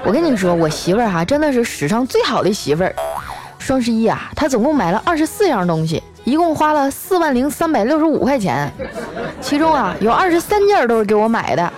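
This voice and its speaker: A woman's voice: fairly high pitch, big pitch swings, brisk, music in the background, a crowd in the background, pitched above the performer's own voice. A woman putting on a boastful young husband who brags about his wife, speaking. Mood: bragging. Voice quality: smug, bragging.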